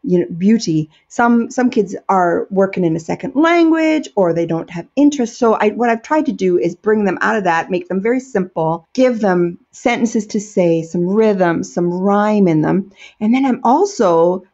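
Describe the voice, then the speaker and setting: A woman's voice: mid-range voice, animated, moderate pace, a little mellow, lo-fi sound. A middle-aged American woman, an educator and storyteller, answering interview questions in an earnest, enthusiastic way.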